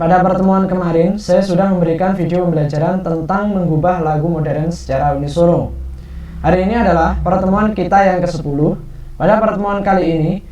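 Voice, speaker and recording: A man teaching a class, giving formal, measured instructions to his students. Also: high-pitched, a little mellow. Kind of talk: addressing a class. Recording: very echoey, distant and dull.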